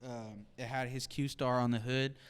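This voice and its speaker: A man's voice: mid-range voice, flat delivery, normal speed, clean tone. A man in his twenties, a podcast guest, talking reflectively in a casual interview and leaning on fillers like "like" and "you know". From Seattle, USA. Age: 20s.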